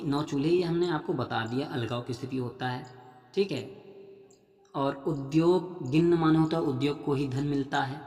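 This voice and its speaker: In a large, reverberant hall, a man with a regional Jharkhand accent explains Hindi grammar practice questions for a police exam. His voice sits at medium pitch, and he patiently repeats himself, calling viewers friends and saying "theek hai" again and again.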